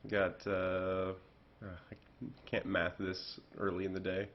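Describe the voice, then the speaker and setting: A man's voice: low voice, monotone, takes it slowly. A man doing casual play-by-play commentary on a video game, rambling and correcting himself with fillers. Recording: dull lo-fi audio.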